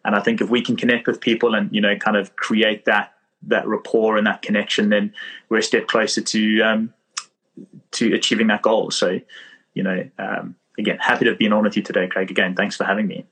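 A man's voice: fairly low pitch, little pitch movement, a little fast, fairly bright tone, slightly rough. A man with a thick South African accent, a chiropractor chatting casually as a podcast guest, modest and self-deprecating.

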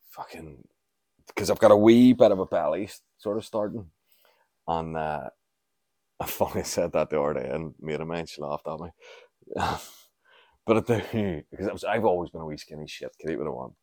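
A man's voice: a bass voice, a little mellow, dry recording, studio quality. A man, chatting casually and candidly as a podcast host, rambling and swearing freely. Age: 40s. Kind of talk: casual solo chat.

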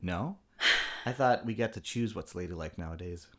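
A man's voice: low-pitched, moderate pace, sharp tone. Rambling man in his thirties. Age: 30s. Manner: rambling, meandering sentences. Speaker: podcast co-host. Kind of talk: casual chat.

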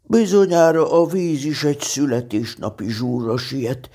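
A man reading a storybook, voicing an eager, impatient little male teddy bear who chatters excited questions. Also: medium pitch, husky, voice pushed up.

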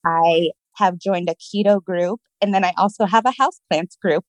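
A woman's voice: on the low side, steady tone, normal speed, no room sound, rough recording. A woman guest chatting casually, cheerful and positive, laughing often as she talks. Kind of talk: casual interview chat.

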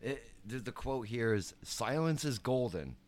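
A man's voice: mid-range voice, lively intonation, unhurried. A man, a parent, co-hosting a casual podcast and reading out jokes and sayings. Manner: reads out mom jokes and quotes. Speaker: podcast co-host. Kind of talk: casual podcast joke-telling.

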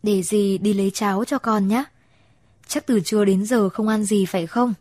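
A woman voicing a caring middle-aged stepmother in a storybook narration, who turns shrill and tearful when frightened. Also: steady tone, normal speed, a little mellow, no room sound, natural voice. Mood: tender.

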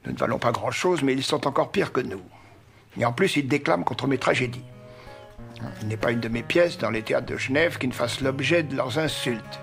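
A man's voice: mid-range voice, creaky, fairly bright tone, breathy edge, exaggerated voice. A man playing a caustic, scornful old philosopher in a period film, with hammy, theatrical stage delivery. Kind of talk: period film drama acting.

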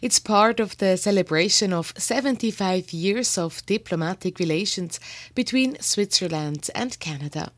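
Annonceuse, femme, texte lu avec régularité, voix moyenne, acoustique sèche. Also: female voice, medium pitch, lively intonation, measured pace, no room sound. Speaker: podcast announcer. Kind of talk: scripted introduction.

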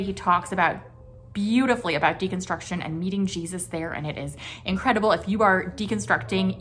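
A woman's voice: medium pitch, fairly bright tone, slight background noise. A woman hosting a podcast, introducing her guest in an effusive, gushing way with many "just" and "like" fillers, then asking him questions. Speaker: podcast host. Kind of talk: enthusiastic podcast introduction and interviewing.

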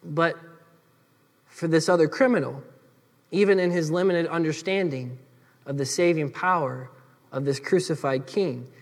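A man preaching a sermon as pastor, earnest, often dropping to soft emphatic phrases. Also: on the high side, unhurried, pauses often, big-room sound.

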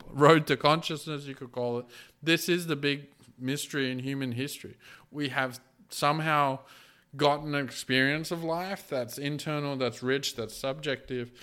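Smooth-voiced man musing aloud. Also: medium pitch, fairly bright tone. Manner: thinking aloud, loose and exploratory. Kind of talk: casual explanatory monologue.

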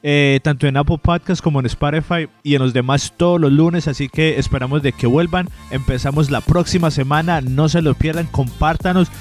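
A man with a Colombian accent co-hosting a podcast, speaking calmly and reflectively in casual conversation. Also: fairly high pitch, a little fast, few pauses, soft background music. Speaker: podcast co-host. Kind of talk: casual chat.

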